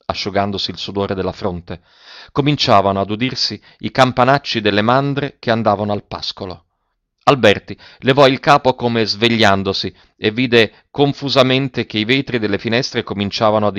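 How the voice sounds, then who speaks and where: A man narrates a novel in a measured, grave reading. His voice sits low. The sound is dry with no room echo, and the recording is somewhat dull. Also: a bit bright. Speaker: audiobook narrator. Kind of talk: scripted narration.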